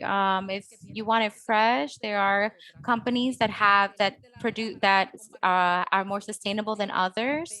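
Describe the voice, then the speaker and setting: A woman's voice: mid-range voice, fairly bright tone, poor audio. A woman hosting a healing workshop, speaking hesitantly with many fillers and restarts. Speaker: host. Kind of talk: workshop talk.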